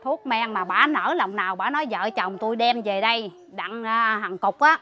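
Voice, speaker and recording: Indignant and restarting often, a Southern Vietnamese-accented woman tells a rushed, emotional account as an interviewee caring for a sick relative, a man. Her voice is on the high side, bright and forceful, at a moderate pace.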